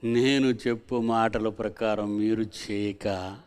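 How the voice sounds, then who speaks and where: A man's voice: on the low side, steady tone, slow, darkish tone, clean tone. A man preaching a sermon at a gospel convention. He repeats his phrases and questions the audience directly.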